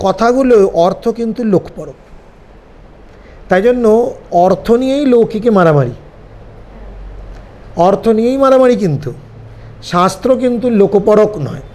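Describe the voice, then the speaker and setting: Man, Bengali accent, high voice, seminar lecture, explains and checks listeners understand. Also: darkish tone. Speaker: seminar teacher. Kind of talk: lecture to students.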